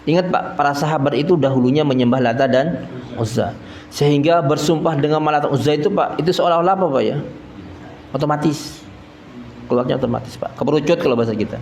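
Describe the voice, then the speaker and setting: A man's voice: a little high, fast talker, a little mellow. A man gives a folksy study sermon in a prayer hall, often turning to the listeners as sir. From East Java, Indonesia. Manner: folksy, keeps addressing listeners as sir, chuckles at own jokes. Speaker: religious teacher. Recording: echoey prayer hall, faint noise.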